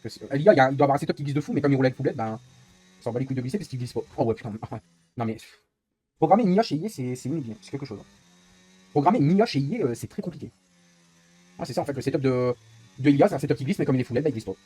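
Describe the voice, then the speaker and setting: A young man talks at breakneck speed on a live stream while playing a racing game, swearing freely and rambling through complaints, with long pauses. His mid-range voice is husky, mellow and animated, recorded close and dry in casual gaming chat.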